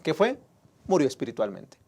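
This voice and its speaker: A man's voice: medium pitch, huge pitch swings, moderate pace, vocal fry, a little mellow. A man with a Mexican Spanish accent, discussing a Sabbath school lesson in an earnest, preacherly way.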